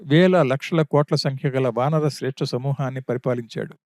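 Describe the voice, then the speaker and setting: A man voicing a calm, wise monkey counselor who consoles a widow with steady, sermon-like reasoning. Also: medium pitch, normal speed, no room sound, clean studio sound, lightly acted. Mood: consoling.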